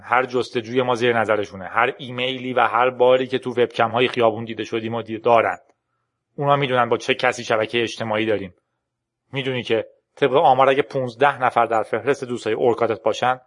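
An urgent young woman programmer from an audiobook, hurried and tense as she pushes a friend to run, with a man reading her lines. The delivery stays in a mid-range voice. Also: mid-range voice, fairly bright tone, natural voice.

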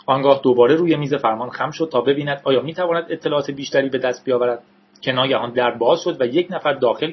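Male storybook narrator, husky voice, steady dramatic reading; dull lo-fi recording. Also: medium pitch.

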